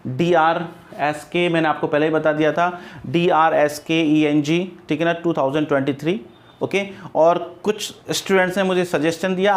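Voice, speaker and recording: A man from India teaching an English grammar lesson, patient and repetitive, spelling words out letter by letter. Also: fairly high pitch.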